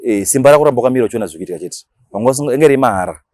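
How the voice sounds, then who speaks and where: A Shona-speaking Zimbabwean man appears as a casual interview guest, mixing Shona and English as he explains things in animated slang with acted-out examples. His mid-range voice moves very fast, and the studio-quality sound has no echo.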